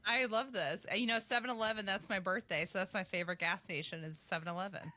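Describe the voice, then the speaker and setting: A woman's voice: medium pitch, steady tone, quick pace, pushed and bright, no echo. A woman hosting a podcast in casual chat, playful and giggly. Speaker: podcast host.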